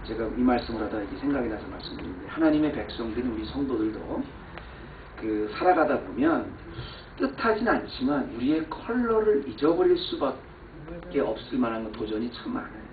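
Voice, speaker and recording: A man preaching a sermon as pastor, telling a personal story and swinging from quiet asides to loud exclamations. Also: mid-range voice, very animated, a little fast, a little hiss or hum. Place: church sanctuary. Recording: echoey church hall, far mic, phone-like band.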